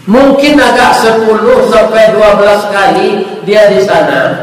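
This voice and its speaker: A middle-aged man preaching to a mosque congregation, his voice high and unhurried. He jokes with the listeners and then tells a moving story. It is recorded from far off in a big hall that echoes for a long time.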